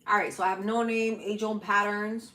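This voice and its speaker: A woman's voice: medium pitch, fairly even intonation, moderate pace, sharp tone. Chatty, casual woman reading tarot. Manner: chatty and informal, swears, laughs often. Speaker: tarot reader. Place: home setup, newly moved.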